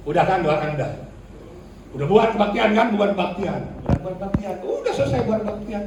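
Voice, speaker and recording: A male pastor preaching in a lively, colloquial way, slipping into slang and acting out the people he quotes. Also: sits high, a little fast. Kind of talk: sermon. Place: church hall. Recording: echoey church hall, distant mic, faint noise.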